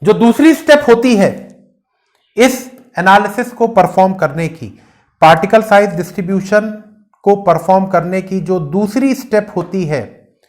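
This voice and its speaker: A man's voice: high-pitched, animated, unhurried. Man tutoring, rhetorical questions, patient lecture. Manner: explains with rhetorical questions, mixing English terms. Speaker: engineering exam tutor. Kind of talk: casual classroom lecture.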